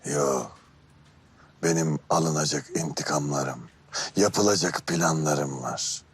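A man's voice: a bass voice, slow pace, slightly rough, heavily acted. An actor playing Kuzey, a scheming young man who plots revenge with a teasing manner, in a TV drama. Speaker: lead character. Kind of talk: TV drama dialogue. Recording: TV drama audio with music underneath.

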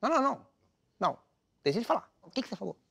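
A pompous, gravelly-voiced driver. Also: male voice, sits high, big pitch swings, racing, a bit bright, exaggerated voice. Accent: Brazilian Portuguese. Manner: pompous, self-assured, touchy. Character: self-important male driver, a father, Renan.

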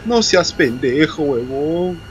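A man's voice: on the high side, lively intonation, slow, soft background music. A man playing a horror game, commenting casually and swearing a lot, shrieking in panic when scared. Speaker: gamer. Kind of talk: horror let's play commentary.

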